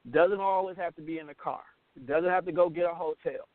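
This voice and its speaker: A fast-talking middle-aged American with a fairly high pitch runs a radio show in a casual, candid style. Blunt and emphatic, he repeats phrases a lot. The recording is dry and has a tinny, band-limited, phone-like character.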